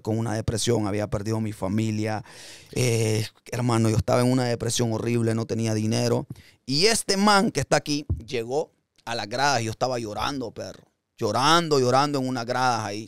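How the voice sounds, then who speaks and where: A young man hosts a casual podcast chat, spinning stories in a lively, slang-heavy way. His voice is clean and resonant and sits at an everyday pitch. The sound is dry and close. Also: dry recording. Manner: animated, slangy storytelling. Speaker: podcast host.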